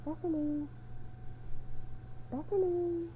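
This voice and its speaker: A gentle young mother, voiced by a woman, speaks in a high, unhurried voice. She keeps things soft, soothing and hushed, often dropping to a whisper. Faint room noise sits behind her. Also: fairly even intonation, narrow, tinny audio. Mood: calling sweetly.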